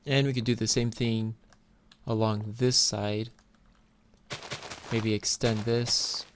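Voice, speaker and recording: Slow and low, with little movement in pitch, a man narrates his own gameplay as host of a gaming video series, thinking aloud casually. Behind him, computer keyboard typing and clicking come through clearly.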